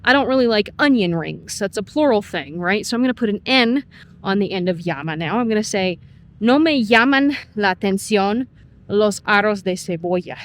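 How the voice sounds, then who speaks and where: A middle-aged Spanish teacher with a medium-pitched, expressive voice walks outdoors in a casual vlog lesson. She explains phrases and slows down to model each one.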